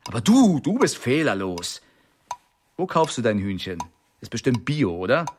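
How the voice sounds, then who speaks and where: An actor playing a middle-aged older brother, bitter and sarcastic, in a radio play. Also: male voice, medium pitch, big pitch swings, normal speed, slight background noise, close to an everyday voice. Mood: bitter sarcasm. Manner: sarcastic, accusing.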